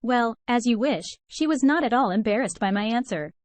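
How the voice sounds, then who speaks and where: A woman reading a first-person story aloud in an even, steady manner without fillers. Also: on the high side, normal speed, no room sound. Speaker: story narrator.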